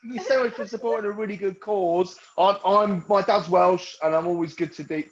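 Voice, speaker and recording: A man's voice: high-pitched, steady tone, brisk, highs cut off. A man in his forties doing a crude, self-mocking stand-up set, rambling and laughing at his own jokes. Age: 40s. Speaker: stand-up comedian. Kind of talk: stand-up set over a video call.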